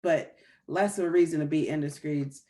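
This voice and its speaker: A woman's voice: sits low, moderate pace, mellow. A woman co-hosting a casual rant, drunk and rambling, stalling and restarting as she talks. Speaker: podcast co-host.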